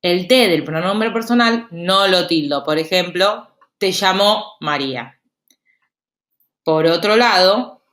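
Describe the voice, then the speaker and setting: A woman, teaching a grammar lesson in a lively, explanatory way. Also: mid-range voice, roomy sound. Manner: lively, explanatory, speeds up and slows down for emphasis. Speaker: Spanish teacher.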